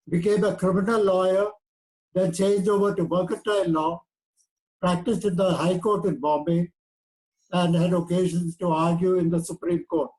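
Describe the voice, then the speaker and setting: A man's voice: sits high, darkish tone, low-quality recording. Elderly Indian man lecturing. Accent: Indian English. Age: 80s. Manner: measured, lecturing. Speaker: guest speaker. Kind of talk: prepared talk.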